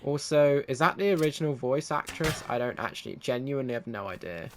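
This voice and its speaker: A man talks through a video game playthrough in a chatty, casual way. He often corrects himself mid-sentence. His voice sits at a medium pitch, with faint noise behind. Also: brisk. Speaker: gaming channel host.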